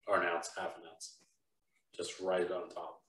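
Laid-back deep-voiced man, roomy sound. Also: monotone, unhurried, sharp tone. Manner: laid-back, rambling with fillers. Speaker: podcast host. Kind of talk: casual chat. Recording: roomy, from a distance.

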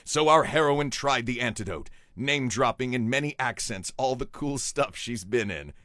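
A man's voice: medium pitch, animated, moderate pace, pushed and bright, no echo, clean studio sound. A man narrating a comic story in a playful, mock-grand storybook manner as a radio guest.

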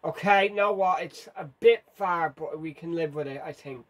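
A man's voice: a little high, normal speed. A man giving frantic, self-mocking commentary as he plays a driving game. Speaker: gaming video host. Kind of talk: live gameplay commentary.

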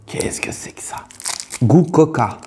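A man's voice: medium pitch, lively intonation, normal speed, darkish tone, slight background noise, close to an everyday voice. A man playing a brash, crude female farmer with a Burgundian accent in a comic sketch. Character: brash middle-aged female farmer from the countryside. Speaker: taste-tester.

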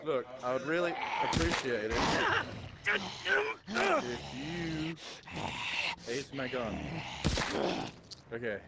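A man giving excitable, joking, sweary live commentary while streaming virtual-reality gameplay in a room. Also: medium pitch, normal speed, pauses often, heavy background noise. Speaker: gamer streaming VR play. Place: indoor room, standing in VR headset.

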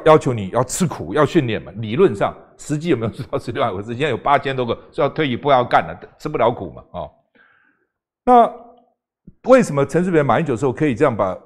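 Fast, animated older man. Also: medium pitch. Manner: emphatic, rapid-fire arguing with rhetorical questions. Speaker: guest. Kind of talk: political talk show debate.

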